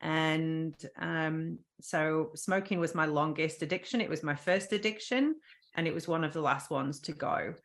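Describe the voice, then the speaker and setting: A woman's voice: low voice, measured pace, vocal fry. A woman guest on a podcast, earnestly telling a personal story with frequent ums and restarts.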